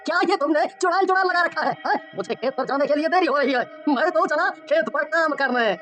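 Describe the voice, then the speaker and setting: A woman voices a carefree cartoon farmer husband in a high, light register. He teases his wife through bursts of giggles, and clear music plays behind him. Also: quick pace, fairly bright tone. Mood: amused. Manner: giggly, teasing.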